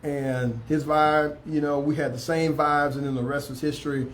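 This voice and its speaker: A man's voice: fairly high pitch, level tone, normal speed, a little hiss or hum. A man hosting a casual interview, affirming his guest and often repeating his words. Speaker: talk show host.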